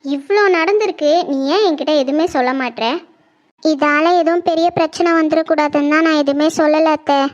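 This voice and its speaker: A troubled young wife pleads and worries in a high, bright voice, played by an actress. The sound is muffled and lo-fi, in the manner of a TV serial. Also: female voice, brisk, close to an everyday voice. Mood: pleading.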